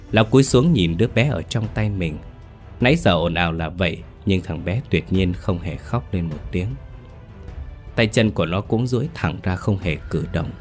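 A man with a very deep voice reads a scripted horror story. His delivery is measured and steady. Quiet background music sits faintly beneath the narration. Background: soft background music.

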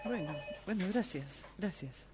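Voicing a hot-tempered, emotional, impulsive Argentine character in an amateur radio play, a woman haltingly explains away her rages, repeating words when she gets flustered. Her fairly low voice is animated, and she comes across as soothed and sheepish.

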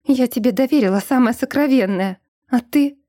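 Defiant young vampire girl , as a lady reader does her, dark mellow tone, dry sound. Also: on the high side, moderate pace, no echo, voice pushed up, natural voice. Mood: furious. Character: stubborn young woman turning vampire.

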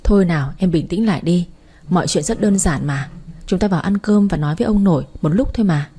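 Give me a gentle young man coaxing his girlfriend, read by a woman with a breathy tone. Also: lowish voice, quick pace. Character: calm young man, reassuring boyfriend.

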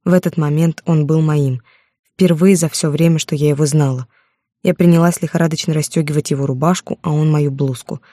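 A woman narrating a first-person romance novel in a steady storytelling voice, on a close microphone. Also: low voice, a little fast, no room sound. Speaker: audiobook narrator.

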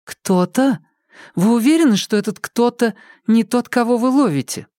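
A man's voice: very high voice, normal speed, darkish tone, no echo, clean studio sound, pitched above the performer's own voice. A man voicing an anxious, impulsive young woman who keeps pleading and asking questions in an audiobook.

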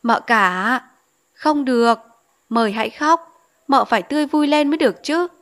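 A woman voicing a strict, domineering old mother-in-law who fusses and scolds in a hurried way. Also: on the high side, animated, a bit bright. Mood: scolding.

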